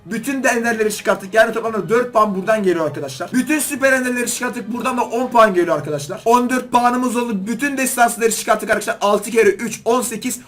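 A man doing excited gaming commentary as a YouTuber, pleading with and scolding the game while opening loot boxes. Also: very high-pitched, fast talker, few pauses, soft background music.

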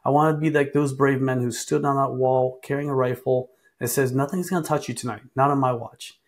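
A man in his fifties from Vietnam, a guest answering interview questions in a soft-spoken, earnest way over a video call. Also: mid-range voice, fairly even intonation, a little fast. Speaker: political candidate guest.

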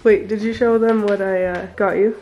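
A woman's voice: mid-range voice, fairly even intonation, moderate pace, lo-fi sound. A young woman with a cold, chatting casually and laughing often as she vlogs with her family. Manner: giggly, chatty. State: has a cold. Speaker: vlogger. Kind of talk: casual family vlog chat. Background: music.

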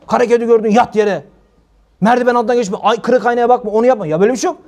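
A man's voice: very high voice, steady tone, rapid-fire, a little mellow. A man preaching a sermon from a pulpit, telling stories with humor and acting out everyday quarrels. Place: speaking from a pulpit to a gathering.

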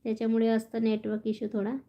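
A woman's voice: fairly high pitch, monotone, quick pace, muffled recording. A woman chatting casually on a phone live stream, reading out viewer comments and laughing often. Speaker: vlogger reading live chat.

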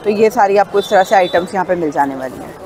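Woman vlogger, mid pitch, casual explaining tone, phone-recorded walking through a busy outdoor bazaar. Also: lively intonation, quick pace, a crowd in the background, poor audio. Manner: chatty, explains prices to viewers while bargaining. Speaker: shopping vlogger. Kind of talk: walking market tour vlog. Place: busy outdoor wholesale market.

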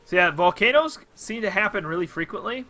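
A man's voice: high-pitched, brisk. A young man streaming a video game, chatting casually and yelping at surprises. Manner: excitable, yelps at in-game surprises. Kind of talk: casual chat while gaming.

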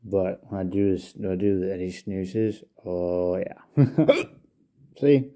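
A man's voice: low voice, takes it slowly, warm tone. A man casually rambling through a product review, swearing freely, talking with a dip tucked in his lip. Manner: loose, rambling, swears often.

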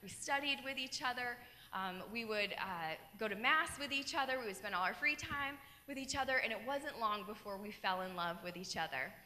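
A woman's voice: a little high, moderate pace, slight background noise. A young woman from Colorado giving a keynote testimony on stage, telling her story earnestly into a handheld mic. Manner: earnest storytelling, animated gestures. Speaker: keynote speaker. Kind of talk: personal testimony talk. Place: large dark stage in an auditorium. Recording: long hall reverb.

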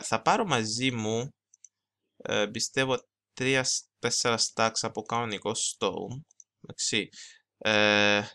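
A young man giving casual gameplay commentary, talking fast and rambling, switching into English phrases and mocking himself. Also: medium pitch, sharp tone, clear, resonant tone. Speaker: gaming channel host. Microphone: desktop mic, no camera.

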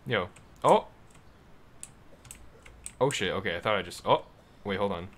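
A man casually commenting while playing a game, excitable and swearing freely, reading the game's dialogue aloud. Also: fairly low pitch, a little slow. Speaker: gaming video host. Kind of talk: casual let's play commentary.

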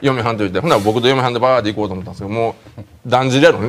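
A man's voice: medium pitch, racing, a little hiss or hum. A man with a Kansai accent telling a comic story on a talk show. He keeps laughing as he talks and acts out the scenes. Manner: animated, laughing through his own anecdote.

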